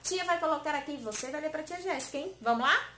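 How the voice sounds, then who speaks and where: A woman teacher giving a lesson to small children, in a sing-song way, stretching key words slowly and coaxing answers with questions. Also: sits high, sharp tone, slight background noise. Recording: roomy echo.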